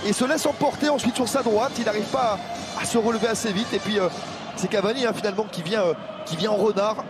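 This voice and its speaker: A Frenchman giving spontaneous replay analysis as a football co-commentator, emphatic and halting, repeating his phrases. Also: high voice, loud music behind the voice. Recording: loud stadium crowd, noisy background. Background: football stadium crowd.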